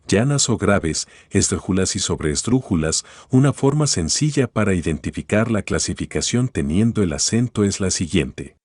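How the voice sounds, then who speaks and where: Deep husky male teacher, dry sound. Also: dry recording. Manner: calm, explanatory, guides listener through an imagined story. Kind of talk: spoken grammar lesson.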